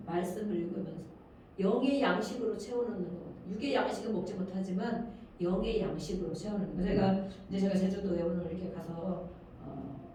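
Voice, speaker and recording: Older woman pastor, earnest preaching that rises and falls; mellow voice heard from a distance in a reverberant hall with faint noise. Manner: earnest, swells loud on key phrases then drops low. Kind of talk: sermon. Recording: very echoey room, speaker far from mic.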